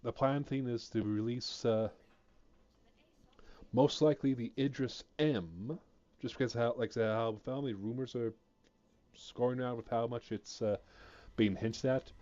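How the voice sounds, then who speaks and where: A man's voice: mid-range voice, fairly even intonation, normal speed, long pauses, darkish tone, lo-fi sound. A man chatting casually on a gaming stream, rambling and hesitant, full of fillers, sounding a bit sleepy. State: sleepy, yawning.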